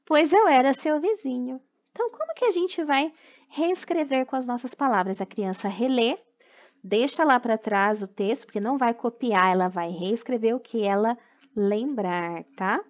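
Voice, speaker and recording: A woman's voice: on the high side, expressive, moderate pace, lo-fi sound. A woman teacher with a Brazilian Portuguese accent, patiently explaining a writing lesson to young children step by step, checking in with short tag questions. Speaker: primary school teacher. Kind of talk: remote class lesson.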